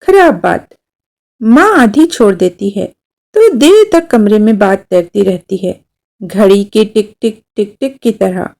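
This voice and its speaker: A woman's voice: mid-range voice, measured pace. A woman reading a literary short story aloud, telling it expressively as a young girl thinking to herself. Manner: expressive, voicing a young girl's first-person thoughts. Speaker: story narrator.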